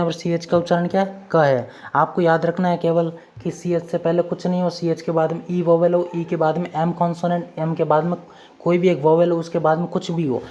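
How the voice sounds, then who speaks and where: A woman's voice: lowish voice, dark tone, a little hiss or hum. A woman teaching English spelling rules in a patient, repetitive lesson, going over each formula step by step. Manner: repetitive, drills formulas step by step, addresses viewers as friends. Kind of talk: classroom-style lesson explaining rules.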